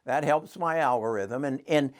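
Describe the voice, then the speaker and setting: A man's voice: mid-range voice, moderate pace. A man of seventy-seven hosting his own channel, giving earnest, folksy advice straight to the camera, often repeating words as he finds his thought. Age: 70s. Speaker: channel host. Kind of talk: casual advice monologue to camera.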